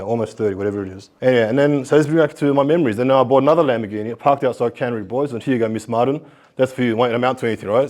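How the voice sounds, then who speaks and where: A man's voice: medium pitch, darkish tone. A middle-aged man giving a motivational talk to school students, telling his life story and acting out the conversations in it. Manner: storytelling, acts out dialogue. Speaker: guest speaker. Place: school hall.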